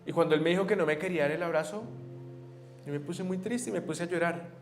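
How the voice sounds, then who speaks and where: A young adult man, preaching a sermon as a pastor. He talks earnestly, moving between animated and quiet, reflective moments. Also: on the high side, quick pace. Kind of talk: sermon storytelling. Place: church sanctuary. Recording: echoey church hall, faint guitar.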